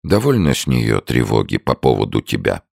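A man reads as a tired, ailing old father, solemn and gentle. His voice sits extremely low with a gravelly creak, close and dry. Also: very animated, moderate pace, no echo, exaggerated voice. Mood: tender.

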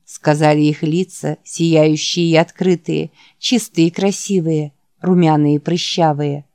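Slow, calm woman audiobook narrator. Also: sits low, dry recording, studio quality. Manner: calm, measured, descriptive reading.

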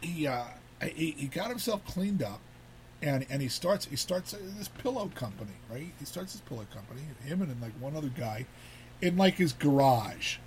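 A man's voice: on the high side, moderate pace, slight background noise. Rambling talk show host man. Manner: rambling, repeats words, animated. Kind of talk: casual talk show chat.

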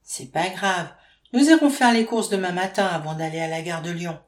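A woman reading the lines of a husband who speaks with relaxed, brisk reassurance. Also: fairly low pitch, close to an everyday voice. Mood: reassuring. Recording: roomy echo.

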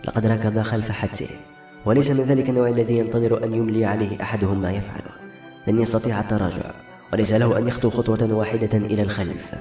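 A tender old woman of the woods, as a male storyteller puts her on, speaking low and calm with a motherly warmth. Her lines come quickly, with a slightly raised pitch. The audiobook-style recording has a roomy echo and faint music underneath. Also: close to an everyday voice. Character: old kindly woman living in a forest hut.

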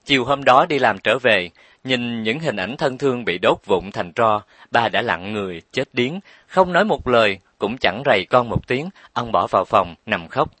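A man's voice: medium pitch, animated, normal speed, fairly bright tone, dry recording. Man reading a storybook aloud. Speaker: audiobook narrator. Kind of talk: storybook narration.

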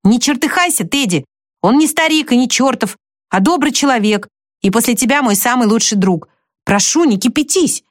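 Jo March, a woman doing a high pleading young woman. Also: expressive, moderate pace, no echo, studio quality. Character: young woman, frank, impulsive, earnest.

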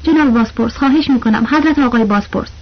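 A frightened restaurant owner begs and flatters in a high, anxious tone, voiced by a woman. The audio is dull and lo-fi. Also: lightly acted. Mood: pleading. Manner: pleading, obsequious.

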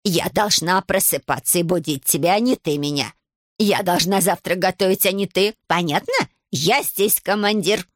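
A woman voicing a fussy, bossy old grandmother in a read-aloud story, drawing her words out slowly. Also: fairly low pitch, no room sound, clean studio sound, lightly acted.

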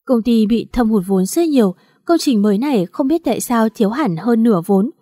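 A woman narrating a melodramatic story in an even, unhurried reading. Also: fairly high pitch, dry recording, clean studio sound.

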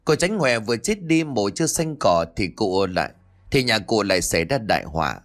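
A man narrating a ghost story dramatically. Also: normal speed. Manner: dramatic, with lively pitch swings.

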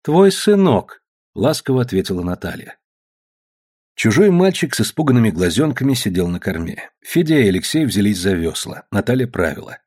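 Man narrator, husky voice, lively pitch, audiobook reading. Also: brisk.

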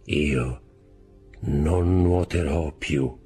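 A man's voice: deep voice, measured pace, gravelly, husky, faint music behind, exaggerated voice. A man voicing a stricken old prisoner priest who speaks weakly and trembles, breaking off mid-word. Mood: faint, resigned.

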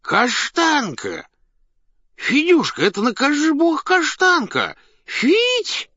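A man voicing a drunken, rambling old carpenter with a quavering, tipsy tenor and slow, slurred speech. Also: very high-pitched, wildly swooping pitch, sharp tone, dry recording, pitched above the performer's own voice, full character voice. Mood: excited. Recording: dull dry studio audiobook.

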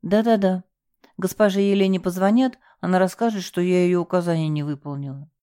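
A woman's voice: on the low side, fairly even intonation, fairly quick, mellow, smooth, close to an everyday voice. A woman voicing a frightened young female hotel porter who pleads and protests tearfully in an audiobook. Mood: tearful pleading.

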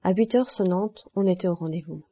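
A woman reading a classic novel as an audiobook, in a steady, measured way. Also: fairly low pitch. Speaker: audiobook narrator. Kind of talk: audiobook narration.

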